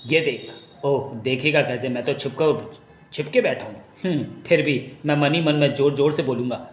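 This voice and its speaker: A man's voice: medium pitch, moderate pace, lightly acted. A man voicing a scheming male spy who gloats to himself over his plot. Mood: gloating. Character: scheming male court spy, sneaky villain. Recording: echoey room.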